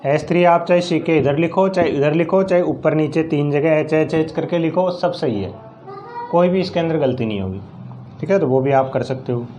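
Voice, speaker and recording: Higher-voiced male teacher explaining step by step. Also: normal speed, mellow, slight background noise. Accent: Rajasthani Hindi. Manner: explains step by step, counts aloud, asks and answers himself. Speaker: science teacher. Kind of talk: classroom chemistry lesson.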